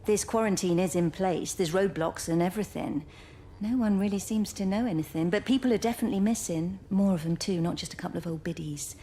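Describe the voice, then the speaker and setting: A woman's voice: mid-range voice, a little fast, mellow, slight background noise, lightly acted. An actress playing a practical, decisive village woman taking charge in a video game drama. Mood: worried, frank. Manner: businesslike, decisive.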